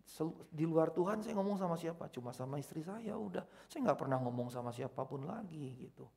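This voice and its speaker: Middle-aged pastor. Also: male voice, on the high side, expressive, a little fast, gravelly. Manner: conversational, swings from loud exclamations to quiet intimate asides. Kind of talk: sermon. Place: church.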